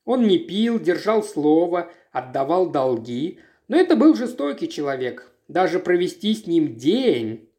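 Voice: mid-range voice, big pitch swings, a little slow, hardly any pauses, mellow. A reader voicing a bitter middle-aged farm wife in a read-aloud story. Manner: bitter, grave.

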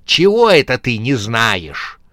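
Rotting corpse, irritable and commanding, hissing loud scolding, read by a man, drawn-out words. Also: mid-range voice, very animated, no room sound, exaggerated voice. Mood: irritated, scolding.

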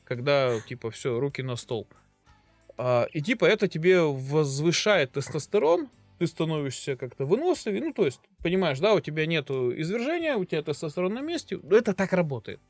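Man in his thirties, podcast co-host, rambling chat, lively swooping voice, slightly high, dry close sound. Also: fairly quick, dry recording, faint music behind. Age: 30s. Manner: rambling, laughs often, crude jokes. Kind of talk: casual joking podcast chat.

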